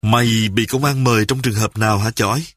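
A man's voice: on the low side, fairly even intonation, fast, fairly bright tone, no room sound, studio quality. Man voicing a cold gang leader. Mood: menacing. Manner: cold, threatening.

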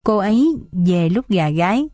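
A woman doing a calm, dutiful young daughter-in-law. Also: medium pitch, measured pace, no room sound, clean studio sound, lightly acted. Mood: gentle. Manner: soft, gentle, composed.

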